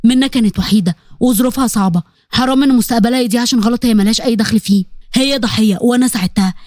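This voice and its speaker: Casting: a woman doing a pleading young man, Egyptian accent, soft earnest tone, fast dry read. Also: a little high, dry recording, lightly acted. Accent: Egyptian Arabic.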